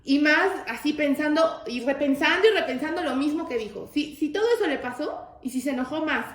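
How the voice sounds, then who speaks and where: A woman leads a religious study session, and her voice sits high. She talks to the group as brothers and keeps it casual, peppering her teaching with rhetorical questions. The sound is roomy, with a clear echo off the walls. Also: lively intonation, fairly quick. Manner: addresses listeners as brothers, asks frequent rhetorical questions. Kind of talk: conversational religious lesson.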